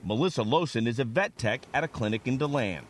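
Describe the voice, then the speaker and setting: A man reporting a news story in a measured, clear correspondent's delivery. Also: mid-range voice, animated, slight background noise.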